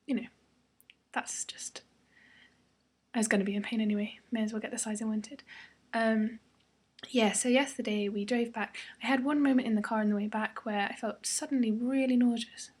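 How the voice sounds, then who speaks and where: Tired, breathy young British woman vlogging. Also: fairly high pitch, a little mellow. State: tired, a day after surgery. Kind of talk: casual personal vlog.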